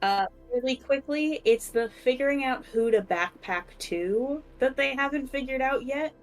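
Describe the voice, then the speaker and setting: A woman's voice: high voice, moderate pace, faint music behind, rough recording. A woman chatting casually and playfully as a player in a tabletop game, with teasing banter.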